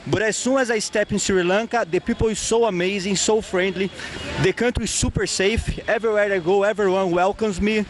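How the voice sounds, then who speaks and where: A man's voice: high voice, fairly even intonation, a little fast, a little hiss or hum. A man from Brazil, a traveling tourist, speaking enthusiastically on a street.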